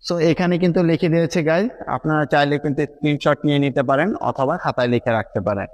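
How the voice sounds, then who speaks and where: A man's voice: a little high, fast talker. A young man teaching English pronunciation rules patiently, often checking that his viewers follow. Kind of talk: explaining a lesson to students.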